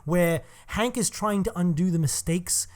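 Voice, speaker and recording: A man's voice: high voice, measured pace, a little mellow. A man co-hosting a film podcast, giving long, opinionated critiques in casual talk and swearing often.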